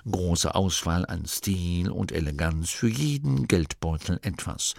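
A man's voice: deep voice, vocal fry, a little mellow, full character voice. A man voicing a small male nome who solemnly recites shop-sign slogans in a lofty, declaiming manner, in an audiobook reading. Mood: haughty. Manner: lofty, slow, declaiming like an advert.

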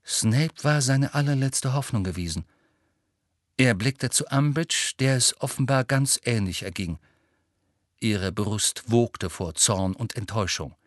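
Expressive male audiobook narrator. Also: medium pitch, measured pace, dry recording, studio quality. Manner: expressive, animated reading. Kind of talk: scripted narration.

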